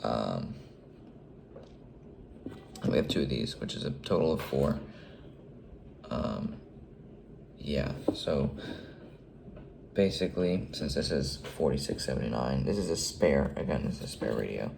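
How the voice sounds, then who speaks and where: A man with an extremely low, gravelly voice walks through a handheld radio in a casual how-to tutorial. He talks hesitantly, pausing and restarting often. Clear noise and radio beeps sit under the recording. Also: lively intonation, a little mellow. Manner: hesitant, frequent ums and restarts. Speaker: fleet radio dispatcher.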